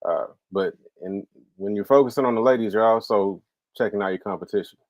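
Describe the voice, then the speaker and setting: A man's voice: on the low side, fairly quick, no room sound. A man on a discussion panel, agreeing with the others and reflecting in a hesitant way.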